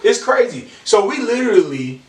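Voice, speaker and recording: Earnest guy, slightly high voice, kinda far from the mic, keeps repeating himself. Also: sing-song, normal speed, a loud crowd. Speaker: podcast guest. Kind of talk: casual chat. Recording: echoey room, mic at a distance.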